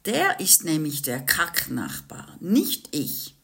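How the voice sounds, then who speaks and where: A man's voice: a little high, wildly swooping pitch, slow, creaky, bright, forceful tone, full character voice. A woman voicing a chatty, eager neighbor man in a read-aloud storybook. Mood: defensive.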